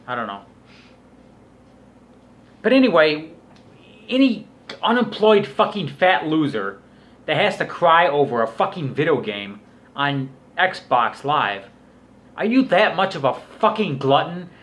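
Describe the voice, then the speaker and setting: A man's voice: a little high, sing-song, unhurried, long pauses, fairly bright tone. A man giving a casual, rambling commentary rant as a vlogger, in a crude, scornful, swearing manner. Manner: crude, profanity-laden, scornful. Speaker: YouTube vlogger.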